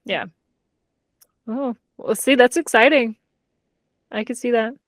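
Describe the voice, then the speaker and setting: In a casual book chat between friends, a woman co-hosting a podcast talks informally and candidly, leaning heavily on "like." Her voice sits on the high side and moves at a slow pace, with no echo.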